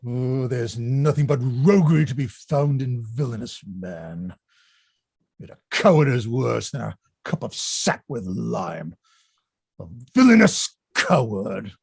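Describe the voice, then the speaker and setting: An actor reading a fat old rogue knight in a Shakespeare play, grumbling and blustering like a drunkard in a gravelly voice. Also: male voice, medium pitch, animated, takes it slowly, no room sound, clean studio sound, exaggerated voice. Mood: gloomy grumbling. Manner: grumbling drunkard's bluster, swinging from muttering to bellowing.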